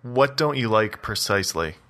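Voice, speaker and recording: A man co-hosts a casual podcast in a low voice with a sharp, bright edge. He jokes wryly and tosses off quick asides. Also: animated. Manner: wry and joking, quick asides. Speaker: podcast co-host.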